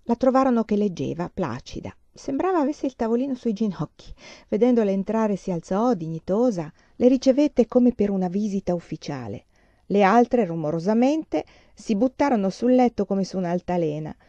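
A woman reading a novel aloud in a calm, measured way, on a slightly dull lo-fi recording. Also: mid-range voice, no room sound. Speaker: audiobook reader. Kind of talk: literary audiobook narration.

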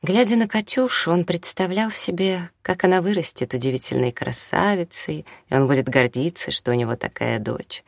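An audiobook narrator reading prose fiction in a calm, measured way. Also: medium pitch, vocal fry, no room sound, studio quality. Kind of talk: scripted narration.

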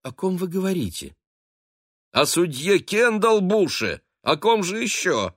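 A man voicing a chatty older woman in an audiobook, talking high and lively with a teasing, gossipy manner. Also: a little slow, no echo, clean studio sound, heavily acted. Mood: teasing gossip.

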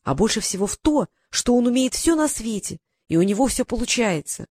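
A cheeky young apprentice mage, voiced by an audiobook reader, lecturing his enemy with sarcastic scorn. The voice is pitched up and lively. The recording is close and dry. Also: a little fast, no echo.

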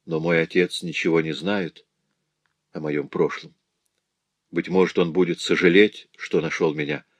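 A man voicing a timid young girl ashamed of her past, speaking in a hushed, fearful way. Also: low-pitched, steady tone, unhurried, dry recording.

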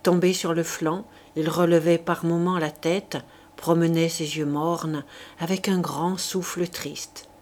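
A woman reading a classic novel aloud as an audiobook, measured and deliberate. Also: on the low side, level tone, a little mellow. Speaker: audiobook reader. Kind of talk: literary audiobook narration.

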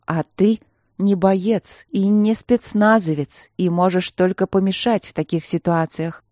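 A woman's voice: mid-range voice, steady tone, mellow, dry recording, clean studio sound, lightly acted. A woman doing a cold contemptuous sister. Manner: cold, heavy and measured.

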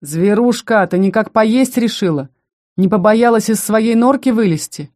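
A woman's voice: lowish voice, steady tone, takes it slowly, dark tone. A woman reading an arrogant, mocking senior student. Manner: mocking, condescending.

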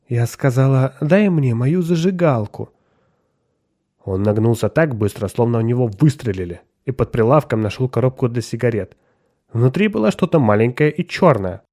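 Expressive male audiobook narrator, mellow tone. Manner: expressive storytelling, shifting pitch for characters. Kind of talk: scripted narration with voiced dialogue.

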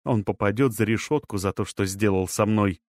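A man playing a weary, bitter middle-aged man in an audiobook, speaking flatly and resignedly. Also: fairly low pitch, moderate pace, natural voice. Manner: flat, resigned, shrugging.

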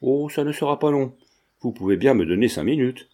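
A man reading the part of a sly old man who pretends to be deaf and talks in a lowered, scheming way. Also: expressive, fairly quick, mellow, lightly acted. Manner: lowered, conspiratorial speech.

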